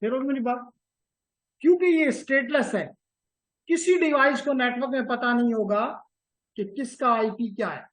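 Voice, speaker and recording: A man's voice: extremely high pitch, moderate pace, long pauses, a bit bright, rough recording. A man teaching a live networking class. He slips English technical terms into his explanations, repeats key terms and keeps checking whether students follow. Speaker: networking instructor.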